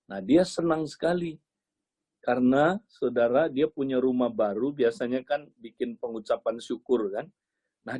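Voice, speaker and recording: A man preaching a sermon as a lively story, often turning to address his listeners directly. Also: mid-range voice, husky, no echo.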